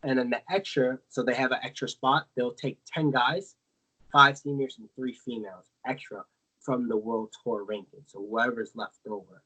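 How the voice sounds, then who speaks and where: A man's voice: mid-range voice, steady tone, moderate pace, sharp tone, breathy edge, low-quality recording. A man from the United States co-hosting a casual podcast, explaining at length with many fillers and self-corrections. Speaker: podcast co-host.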